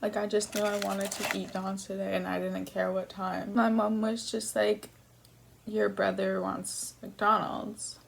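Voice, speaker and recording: A young woman rambles casually to her viewers between bites of food. Her medium-pitched voice often drops into creaky fry. She is self-deprecating and swears offhandedly, with faint noise behind her. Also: level tone, moderate pace, hardly any pauses, rough recording. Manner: talking between bites while eating. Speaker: mukbang vlogger. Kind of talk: casual eating-video chat.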